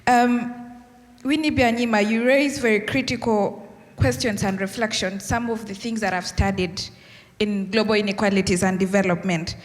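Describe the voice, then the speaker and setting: A young woman from Uganda, a graduate student, asks a formal, earnest question into a handheld mic in a lecture hall. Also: mid-range voice. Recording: long hall reverb.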